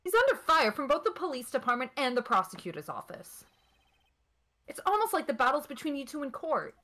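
A woman's voice: high-pitched, big pitch swings, a little fast, bright, forceful tone, full character voice. A woman streamer voicing a clumsy, loyal male police detective in a hammy read-along of a game. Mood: earnest. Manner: hammy, laughs between lines.

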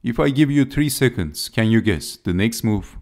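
A man's voice: mid-range voice, animated, moderate pace, darkish tone. A man giving scripted chess game commentary as narrator, speaking in short, clipped move-by-move phrases.

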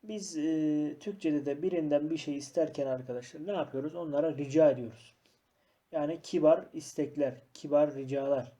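A man teaching an English grammar lesson. He explains patiently, point by point, and reads the example sentences out slowly. His voice sits fairly high, with a soft, mellow tone. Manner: explains step by step, often says "arkadaşlar". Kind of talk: recorded classroom lesson.

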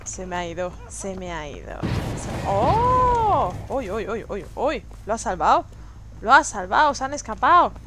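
A young woman from Spain, speaking with a Spanish accent, streams a game live and teases the other players with playful taunts and laughter. Her mid-range voice has lively intonation and a moderate pace, and the stream audio is noisy.

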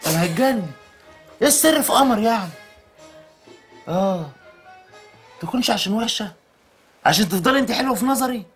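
A man's voice: sits high, expressive, fairly quick, long pauses, faint music behind. An actor playing a working-class Egyptian husband with an Egyptian accent, joking and coaxing his upset wife. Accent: Egyptian Arabic. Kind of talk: TV drama acting.

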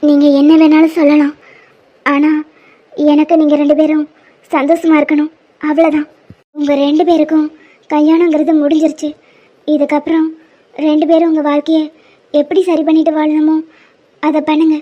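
A woman voicing a gentle, heartbroken young woman in a cartoon, speaking softly and pleading while tearful. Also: high voice, flat delivery, normal speed, pauses often, lightly acted. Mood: earnest. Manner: soft, pleading. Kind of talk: cartoon voice acting. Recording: dull lo-fi sound.

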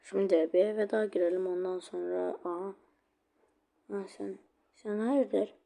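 A male gaming creator giving casual commentary over his match, chatty and quick to get annoyed when the game freezes. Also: sits high, fairly even intonation, vocal fry, warm tone. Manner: chatty, easily annoyed, swears at lag; repeats a sing-song catchphrase.

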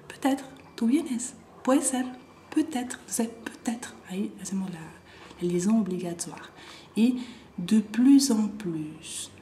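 A young woman giving a language lesson, repeating each example slowly and often softly. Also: mid-range voice, slight background noise. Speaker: French teacher.

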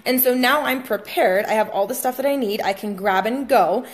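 Her voice sits on the high side and moves at a moderate pace: a young fitness coach chatting in her home kitchen for a casual vlog tutorial. She fills her talk with ums, calls viewers "guys," and films on a phone held at arm's length.

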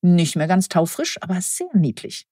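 A woman reading the part of a female hospital lab doctor who talks briskly and matter-of-factly. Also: on the low side, very animated, dark tone, breathy edge, no room sound, studio quality. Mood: chatty.

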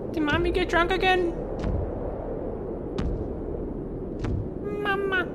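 Very high-voiced naive little boy. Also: noisy background. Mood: plaintive. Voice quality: high childlike falsetto. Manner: wide-eyed, slow childish delivery. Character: naive, excitable little boy in a horror game.

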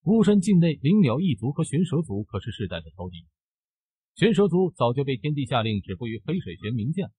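A greedy wisteria-flower demon woman speaks with haughty suspicion, voiced by a man in a comic-book recap. The voice is husky and lively in pitch, and the sound is close and dry. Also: brisk, no echo.

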